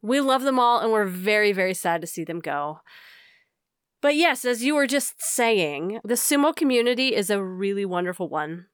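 A woman's voice: medium pitch, animated, moderate pace, clear, resonant tone, dry recording, clean studio sound. An American woman co-hosting a casual podcast from inside a small closet, speaking in an effusive, appreciative way. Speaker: podcast co-host. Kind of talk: casual conversational podcast chat.

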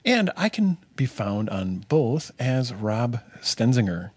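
A man co-hosting a podcast in casual chat, relaxed and enthusiastic. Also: mid-range voice, slow, breathy edge, no room sound. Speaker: podcast co-host.

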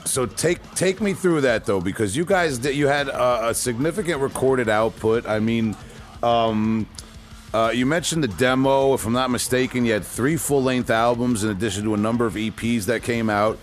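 A man's voice: medium pitch, normal speed, faint music behind. A man hosting a casual podcast interview, asking loose questions with lots of fillers and restarts.

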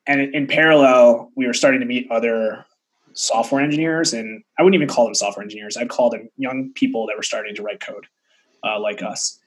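Male tech guest, thirties, medium pitch with a rough husky edge, chatty anecdotal interview delivery. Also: fairly even intonation, brisk, low-quality recording. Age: 30s. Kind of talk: casual storytelling in an interview.

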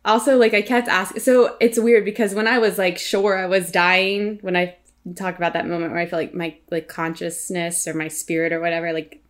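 A young woman in casual conversation, telling a story with animated voices, frequent fillers and laughter. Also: lowish voice, brisk. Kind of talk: casual chat.

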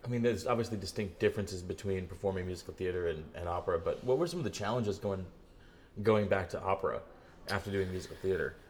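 Low-voiced man hosting a chat. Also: fast talker, darkish tone. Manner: brief, supportive backchannels and questions. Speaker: interview host. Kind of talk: casual interview chat.

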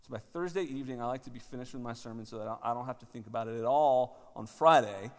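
A pastor in his thirties with a medium-pitched voice leads a prayer in a large church, then gives a halting talk full of fillers and restarts. His voice rings with a cathedral echo.

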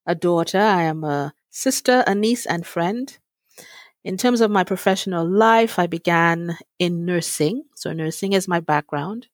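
A woman in her fifties from Trinidad, answering interview questions in a measured, thoughtful way. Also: fairly low pitch, dry recording. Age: 50s. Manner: measured, thoughtful, with fillers and light laughs. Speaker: guest, author.

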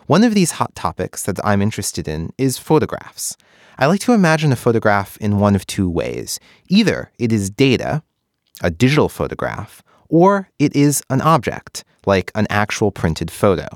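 A man hosting a podcast, narrating from a script in a smooth, measured audio-guide manner. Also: on the low side, very animated, dry recording, studio quality. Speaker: podcast host.

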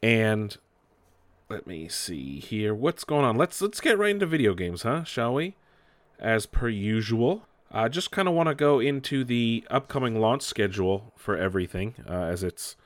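Low-voiced man hosting a casual podcast, dry sound. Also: lively intonation, moderate pace, no room sound. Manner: loose, off-the-cuff, hesitant, self-correcting. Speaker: podcast host. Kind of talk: casual solo gaming and entertainment news podcast.

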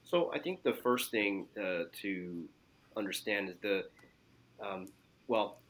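A man working as a physician, giving measured, explanatory answers as an interview guest. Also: fairly low pitch, animated, a bit bright. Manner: measured, explanatory, frequent fillers.

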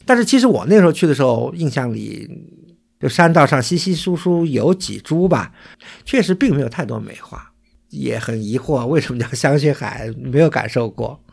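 A man's voice: medium pitch, lively intonation, moderate pace, gravelly, breathy edge. A man from Suzhou, co-hosting a casual chat and explaining place names and local history in detail. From Suzhou, China. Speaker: co-host.

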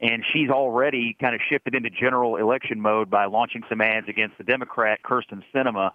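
A man's voice: mid-range voice, steady tone, fairly quick, dry recording. A man on a phone line, calling into a radio talk show as a political guest, easygoing and agreeable with frequent "uh" fillers. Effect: phone-line call-in voice. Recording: tinny phone line, dry.

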